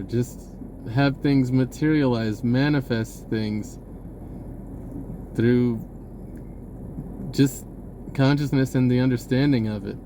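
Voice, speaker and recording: An online video creator, a man with a medium-pitched, dark-toned voice, rambles through a spontaneous message. He speaks informally and hesitantly, often rephrasing as he goes, with slight background noise in the recording.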